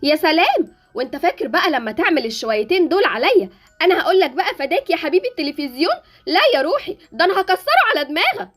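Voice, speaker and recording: A woman acts out a sharp-tongued Egyptian mother in a Roblox story drama, scolding in a high, lively voice. She fires off her words at great speed. Music plays under her. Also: racing, heavily acted. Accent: Egyptian Arabic. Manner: scolding, mocking.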